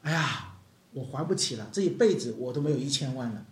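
A man voicing a begging male servant who is deep in debt, pleading in a soft, low whine. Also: quick pace, lightly acted. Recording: echoey room.

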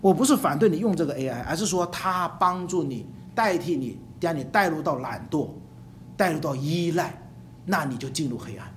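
A preacher giving a sermon to a congregation, emphatic and animated, acting out examples and repeating phrases for emphasis. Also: medium pitch, normal speed. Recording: echoey room with faint hum.

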